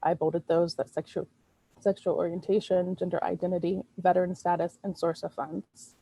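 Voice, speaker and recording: Woman on a video call doing fair housing slides, lots of ums, low gravelly voice. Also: level tone, normal speed, warm tone, no room sound, low-quality recording. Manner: informal, many ums and self-corrections. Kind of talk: presentation at an online meeting.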